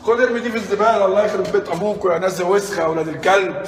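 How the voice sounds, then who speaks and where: A man with an Egyptian Arabic accent, a comic vlogger touring an old fortress, loud and excitable, cursing and acting scared, dropping in broken English. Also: high-pitched, racing. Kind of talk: comic vlog exploring a site. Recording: echoey hall with ambient noise.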